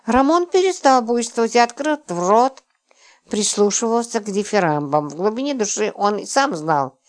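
Brief: female narrator, mid-pitched, lively storytelling for an audiobook. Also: moderate pace. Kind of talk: scripted narration.

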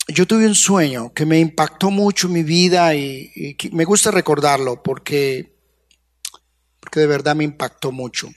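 A man preaching a sermon as pastor, passionate, swinging from hushed to loud, coaxing the congregation with questions. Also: on the high side. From Colombia.

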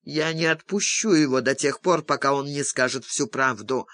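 A man voicing a grim, hot-tempered male agent who talks slowly and low through clenched teeth. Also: a bit bright, no echo, lightly acted. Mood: menacing.

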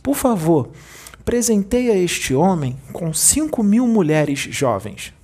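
A man voicing Jesus, speaking calmly, slowly and gently. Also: sits high, pitched above the performer's own voice, exaggerated voice. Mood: gentle. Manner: calm, slow and gentle.

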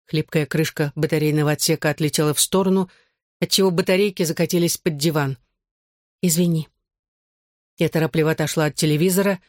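Female audiobook narrator, measured tense first-person reading, dry close sound. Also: lowish voice, darkish tone, dry recording.

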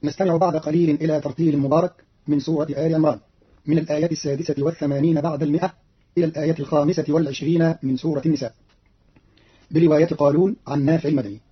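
Fast husky male radio announcer. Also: on the high side, fairly even intonation. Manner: brisk, matter-of-fact reading, quoting short phrases in a slower chanted tone. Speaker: radio announcer explaining recitation variants. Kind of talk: scripted explanatory narration. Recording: dull lo-fi radio archive recording.

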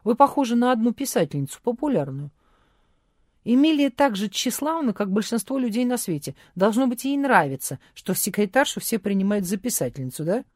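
A haughty, suspicious woman answers in a cold, curt tone, voiced by a woman reading an audiobook. She speaks lower and slower than the narration, with a clipped, mocking manner. The sound is dry and close. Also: animated, a little mellow, dry recording.

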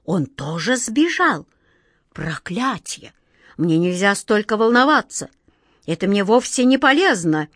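A woman's voice: mid-range voice, big pitch swings, measured pace, a bit bright, dry recording. Fretful storybook king, as a woman reader puts him on, whiny, bossy, raises his voice, dry recording. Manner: whiny, commanding, easily flustered. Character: petulant, fretful fairy-tale king, old man.

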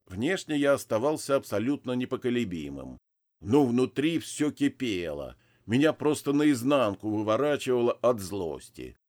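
A male narrator reads a first-person story in a measured, restrained way. His pitch sits in the middle but moves widely from phrase to phrase. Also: sing-song, a little mellow. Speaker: audiobook narrator.

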